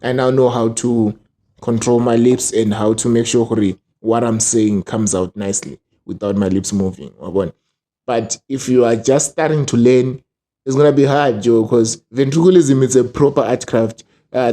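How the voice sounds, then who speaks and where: A man from Zimbabwe with a Southern African accent, a ventriloquist guest telling casual, animated stories full of slang and acted-out quotes. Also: mid-range voice, normal speed. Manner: casual, slang-laden, acts out quoted speech.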